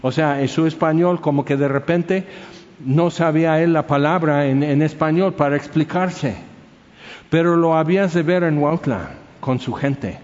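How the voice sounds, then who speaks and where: A man's voice: a little high, moderate pace, a little mellow. Man, conversational sermon, echoing hall, slightly muffled recording. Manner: conversational, storytelling with questions. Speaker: preacher. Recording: dull sound with long hall reverb.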